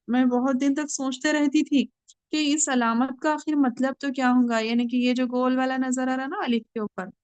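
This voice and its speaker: A woman teaching Quran recitation rules to students, patiently explaining and slowly repeating words to demonstrate. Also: on the high side, smooth, no echo.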